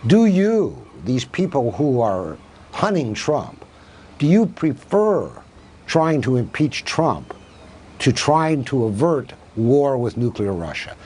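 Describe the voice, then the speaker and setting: Husky, emphatic professor, lively pitch. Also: male voice, slow pace. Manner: emphatic, argumentative, asks rhetorical questions. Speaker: professor of Russian studies, guest. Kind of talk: televised news interview.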